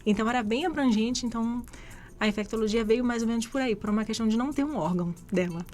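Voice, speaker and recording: On a live radio podcast, a Carioca woman from Rio de Janeiro appears as a guest infectious disease doctor, explaining her answers conversationally. Her voice is a little high and darkish in tone, and she talks at a quick pace with a Carioca Brazilian Portuguese accent.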